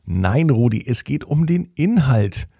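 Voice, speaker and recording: A man voicing a gentle mother in a bedtime story, soothingly explaining to her son. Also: medium pitch, sing-song, a little slow, creaky, husky, no echo, studio quality, pitched above the performer's own voice, exaggerated voice. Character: gentle caring mother of a young boy.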